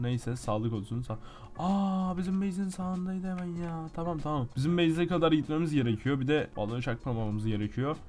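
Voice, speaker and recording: A young man doing casual gameplay commentary while sick with a slight cough. He swings between muttering that he is calm and sudden shouting outbursts. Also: mid-range voice. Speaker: gaming YouTuber.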